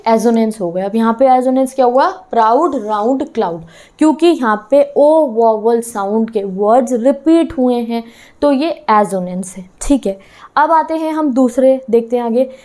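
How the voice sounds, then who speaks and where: Woman teacher, high-ish voice, warm mellow tone, mixes in English terms, quizzes students, keeps checking they follow. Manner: keeps checking in with "theek hai". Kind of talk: online class explanation.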